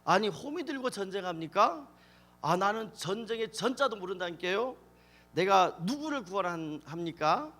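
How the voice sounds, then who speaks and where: A man voicing a timid young male farmer who protests in a Jeolla dialect, with a high voice. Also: lively intonation, normal speed, sharp tone, exaggerated voice. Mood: protesting. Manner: pleading, protesting.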